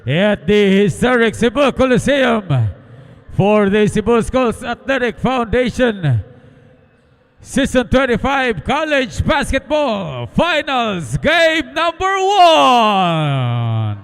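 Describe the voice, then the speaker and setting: A man announcing teams as an echoing stadium announcer, booming and drawn out. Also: clear, resonant tone. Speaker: arena announcer. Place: large indoor coliseum, over PA. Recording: long echoing arena PA reverb.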